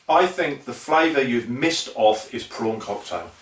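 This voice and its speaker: A man's voice: mid-range voice, animated, a little slow. A man hosting a casual chat, joking and rambling while tasting snacks. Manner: jokey, rambling banter. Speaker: host. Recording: roomy, from a distance.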